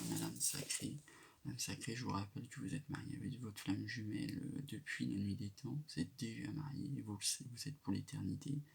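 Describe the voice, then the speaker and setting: A man giving a quiet, whispered late-night tarot reading in a hushed, gravelly voice. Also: lowish voice. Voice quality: gravelly, creaky. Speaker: tarot card reader. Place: indoors at night. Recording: noisy amateur live recording with clicks.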